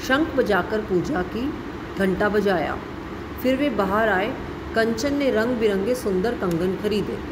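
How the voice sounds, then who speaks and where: Casting: woman schoolteacher, slow deliberate delivery, mid pitch, faint background hiss. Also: expressive. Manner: patient, repeats and quizzes with questions. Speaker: primary school Hindi teacher. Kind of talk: slow classroom lesson addressing children.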